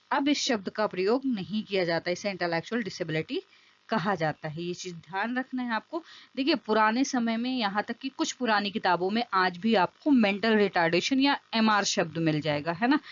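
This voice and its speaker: Over slides, a woman gives an online exam-prep lecture on special education in a medium-pitched voice. She moves step by step, repeats the key terms and checks often that the listener is keeping up. The audio is dull, lo-fi and dry.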